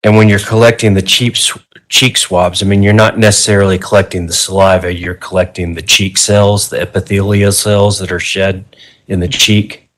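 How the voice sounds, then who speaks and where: A man's voice: low-pitched, level tone, normal speed, a bit bright. A man questioning a witness in court as a defense attorney, in a conversational, informal way. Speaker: defense attorney cross-examining.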